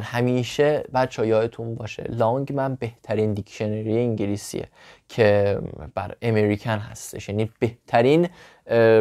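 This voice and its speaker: A man whose first language is Persian, an English teacher giving a casual spoken lesson to camera, animated and blunt, talking straight to the viewer. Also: on the low side.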